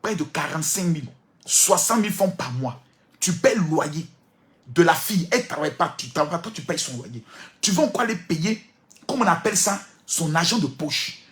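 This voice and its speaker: A man's voice: a little high, fairly bright tone. A man preaching a fiery, scolding sermon rant, repetitive and mocking.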